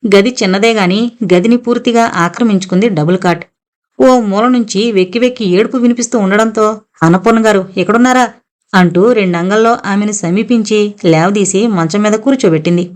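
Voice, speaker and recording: Woman narrator, audio novel, even expressive delivery, mid pitch. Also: fairly quick.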